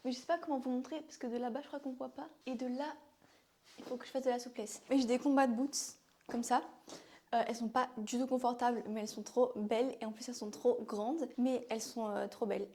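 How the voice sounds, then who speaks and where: A young woman with a regional French accent chatting casually in a vlog, rambling and filling pauses with "euh". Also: fairly high pitch, fairly even intonation, dark tone, a little hiss or hum. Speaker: vlogger.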